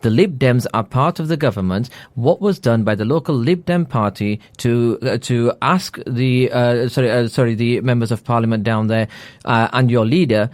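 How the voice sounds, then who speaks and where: A man's voice: medium pitch, moderate pace, few pauses, a little mellow, no room sound. A male radio interviewer in a studio, pressing a candidate with repeated questions and many hesitant fillers. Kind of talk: probing political interview.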